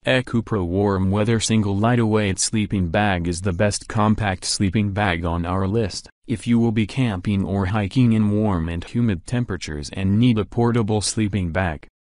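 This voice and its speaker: Guy doing a scripted review voice-over, low voice, flat steady read, dry sound. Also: moderate pace, few pauses, no echo. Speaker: product review narrator. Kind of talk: scripted narration.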